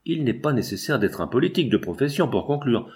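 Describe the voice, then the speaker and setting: A man's voice: medium pitch, sing-song, fast, a little mellow. A man voicing a blunt, wealthy male factory owner who talks in a curt, dismissive way. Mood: reasoning.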